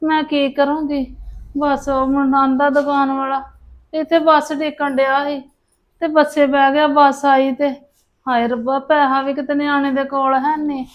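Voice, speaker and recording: A woman's voice: high voice, little pitch movement, moderate pace, dull audio, natural voice. A woman playing an anxious grandmother lamenting her missing grandson in a family drama. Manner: fretful, lamenting.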